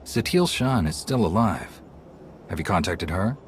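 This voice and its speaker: Very deep, measured Jedi commander. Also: male voice, animated, a little hiss or hum. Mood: calm, earnest. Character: steady, polite male Jedi commander hero. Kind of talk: video game cutscene acting.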